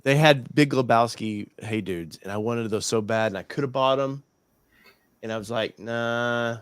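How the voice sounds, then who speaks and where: A man's voice: medium pitch, normal speed, clear, resonant tone, dry recording, studio quality. A man in his forties hosting a podcast, joking and rambling as he hunts for words. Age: 40s. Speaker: podcast host. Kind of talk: casual podcast chat.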